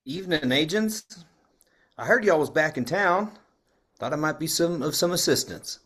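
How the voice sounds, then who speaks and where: A man's voice: fairly high pitch, expressive, normal speed, a bit bright, breathy edge. A man reading the part of a polite, sly small-town sheriff with a friendly drawl. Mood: folksy.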